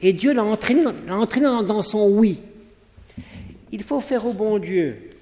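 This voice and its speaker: A man, a priest, giving a sermon in lively storytelling style, acting out both sides of his conversations. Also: high voice, normal speed. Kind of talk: sermon with anecdotes. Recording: long hall reverb.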